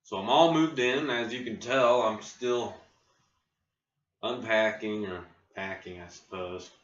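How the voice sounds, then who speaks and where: An American man with a lowish voice talks casually to his channel, rambling at an unhurried pace. He sounds set back from a built-in laptop mic in an echoey garage, slightly muffled. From Ohio, United States. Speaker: video blogger, channel host. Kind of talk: casual vlog chat. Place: home garage. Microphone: built-in laptop camera microphone. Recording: roomy, distant, muffled laptop mic with faint noise.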